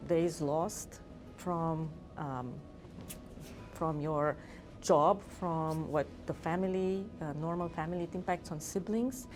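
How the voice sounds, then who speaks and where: Earnest woman physician, low mellow voice. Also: fairly even intonation, slow, soft background music. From Romania. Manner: earnest, with fillers and restarts. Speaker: physician researcher. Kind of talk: interview talk.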